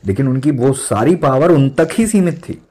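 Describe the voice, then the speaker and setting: A man's voice: medium pitch, lively intonation, moderate pace, mellow. A young man in his twenties preaching an emphatic sermon as a pastor, mixing in English words and repeating lines for stress.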